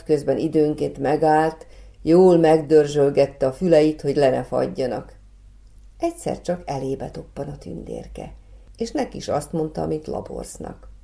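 A woman reading a fairy tale aloud for children in a calm, even storybook manner. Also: sits low, vocal fry.

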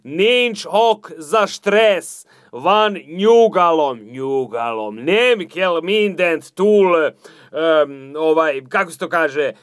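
Radio sketch: a man as a relaxed older unemployed café idler with a Serbian accent. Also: on the high side, clean tone, dry recording, clean studio sound, close to an everyday voice. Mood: easygoing. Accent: Serbian-flavored Hungarian. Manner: drawling, easygoing, peppered with Serbian slang. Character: laid-back older male café loafer and hustler.

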